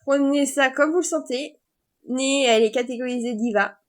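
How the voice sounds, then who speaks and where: High-voiced woman gushing about fandom news. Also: moderate pace. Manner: excitable fan chatter, trails off and restarts. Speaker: vlogger sharing entertainment news. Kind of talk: casual chat.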